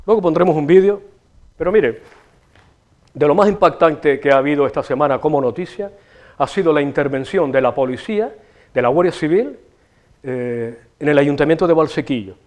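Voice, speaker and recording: In a cramped TV studio with a cityscape behind him, a middle-aged local show host with a Canarian Spanish accent rambles through a comic monologue packed with swearing and big gestures. His voice sits a little high, with a somewhat dark tone and a moderate pace.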